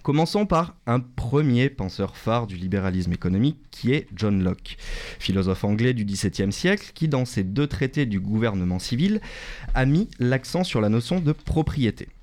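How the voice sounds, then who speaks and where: A man's voice: medium pitch, animated, normal speed, a little mellow. A man giving a prepared radio talk on economic history, lecturing and correcting himself with small jokes. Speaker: radio columnist.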